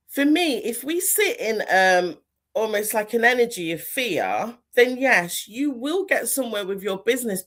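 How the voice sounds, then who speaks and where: A woman's voice: medium pitch, fairly bright tone. A woman hosting a podcast interview over a video call, chatting casually and animatedly, laughing often. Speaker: podcast host.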